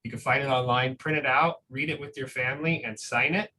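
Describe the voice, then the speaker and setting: A man with a medium-pitched, bright, forceful voice reads a picture book to school families at a fairly quick clip with fairly even intonation. He chats encouragingly about the story, often saying "right?" The recording is rough, with noticeable background noise.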